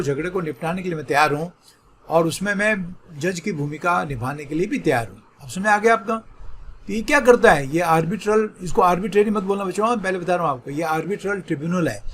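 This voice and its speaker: A man's voice: high voice, fairly bright tone, slight background noise. A middle-aged man teaching an online exam-prep vocabulary lesson, explaining patiently and mixing English terms into Hindi with frequent check-ins to his students.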